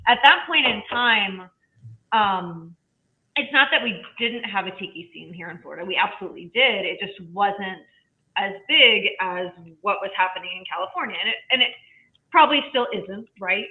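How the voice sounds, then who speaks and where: A woman's voice: medium pitch, animated, normal speed. A woman guest chatting casually, telling a rambling story about starting an event. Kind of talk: casual chat. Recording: tinny phone-like line.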